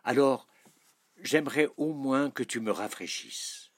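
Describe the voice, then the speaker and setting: A man's voice: mid-range voice, unhurried, pitched above the performer's own voice, natural voice. A man doing a proud, bossy little king. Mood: pleading. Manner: proud and commanding, often shouting. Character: boastful, childlike little king.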